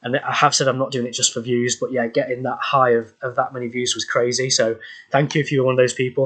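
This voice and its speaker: A man talks through a strategy game as he plays. He thinks aloud, hesitating and restarting his sentences, at an ordinary mid pitch. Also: a bit bright, rough recording. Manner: thinking aloud, hesitant, self-correcting with ums. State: hiccuping. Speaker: gaming YouTuber. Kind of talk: casual gameplay commentary.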